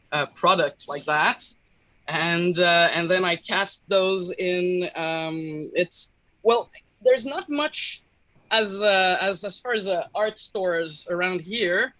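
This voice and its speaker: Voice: medium pitch, pushed and bright, poor audio. A person from Quebec giving a casual, hesitant live tour of a home workshop, speaking informally as a hobby sculptor. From Quebec, Canada. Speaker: hobby sculptor streamer showing work. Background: bubbling aquarium water, passing truck.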